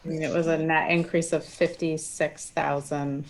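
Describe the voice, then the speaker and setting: A woman's voice: sits low, level tone, normal speed, low-quality recording. A woman on a video call reporting budget totals in a matter-of-fact way.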